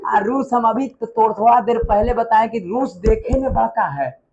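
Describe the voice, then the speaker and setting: A man's voice: very high-pitched, normal speed, slight background noise. A man teaching history to a class, who keeps asking his students questions and having them answer back. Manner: lively, quizzes the class with call-and-response questions.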